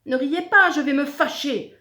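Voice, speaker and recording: A woman voicing a booming, greedy male forest demon who roars his threats. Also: little pitch movement, unhurried, roomy sound. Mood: angry. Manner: roaring, menacing.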